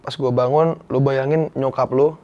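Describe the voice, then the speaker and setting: A man's voice: mid-range voice, fairly even intonation, unhurried, a little mellow, lo-fi sound. A young man, a guest actor telling a personal story in casual, slangy, earnest talk. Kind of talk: casual interview chat.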